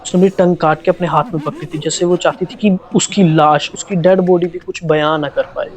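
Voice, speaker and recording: A man's voice: on the high side, fairly even intonation, fairly quick. A young man vlogging, retelling a creepy story in a casual, dramatic way with lots of repetition.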